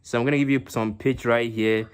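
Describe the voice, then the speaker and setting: A man hosting a live stream and commentating an esports tournament, talking haltingly with many fillers and repeated words into a phone. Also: mid-range voice, fairly even intonation, clean tone.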